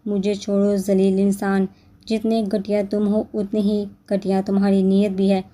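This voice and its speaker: Woman reading as a proud angry young wife, slow clipped emphasis, dark mellow tone, storybook reading. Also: medium pitch, flat delivery, natural voice. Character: fiery young woman, proud and quick-tempered.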